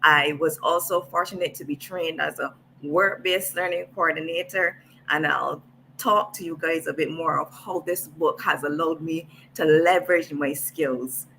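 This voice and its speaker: Slow, bright-voiced woman. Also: low-pitched, steady tone, a little hiss or hum, low-quality recording. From Barbados. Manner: unhurried, with fillers. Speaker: special education teacher. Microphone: video call.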